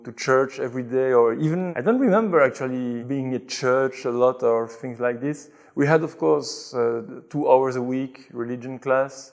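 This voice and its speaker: Gravelly-voiced man. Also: mid-range voice, darkish tone. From Belgium. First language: French. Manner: thoughtful, hesitant with many restarts. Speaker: interview guest. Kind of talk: conversational interview answers.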